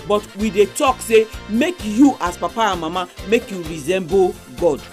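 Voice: medium pitch, normal speed. Nigerian Pidgin radio presenter over music. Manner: exhorting, addressing listeners directly.

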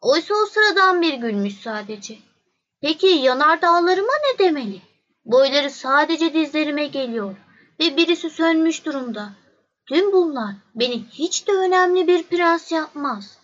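A woman voicing the little prince, a polite and lonely young boy, speaking softly and earnestly in a storybook reading. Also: sits high, animated, moderate pace, highs cut off. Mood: sad.

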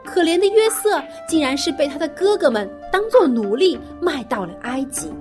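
High, lively woman telling children's stories. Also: normal speed, loud music behind the voice. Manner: expressive, explains simply to small children. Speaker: storyteller on a children's Bible program. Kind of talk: children's story narration.

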